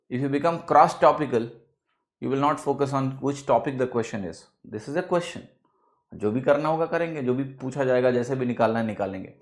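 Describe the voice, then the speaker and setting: A man teaching math in a classroom lecture, explaining step by step and checking with his students, with English phrases mixed into his talk. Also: mid-range voice. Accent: Indian. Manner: mixes English phrases into Hindi.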